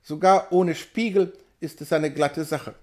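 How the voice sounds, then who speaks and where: A man's voice: a little high, fairly even intonation, unhurried, a little mellow, close to an everyday voice. A man reading an audiobook, voicing a brash, cynical young male patient with a nonchalant, mocking drawl. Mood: coolly mocking.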